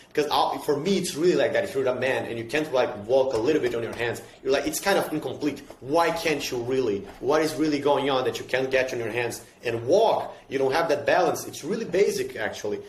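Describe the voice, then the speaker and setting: A man's voice: mid-range voice, echoey room. A man with a Brazilian accent explaining fitness ideas casually and emphatically, often repeating himself and asking rhetorical questions.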